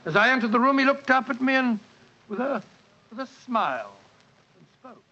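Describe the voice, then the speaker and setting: A genial old English doctor, bright and high in pitch. He rambles and halts fondly through his memories like a fussy uncle. It is a dull 1940s radio drama recording. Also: lively intonation, creaky, full character voice. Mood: reminiscing. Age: older. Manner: avuncular, rambling, halting.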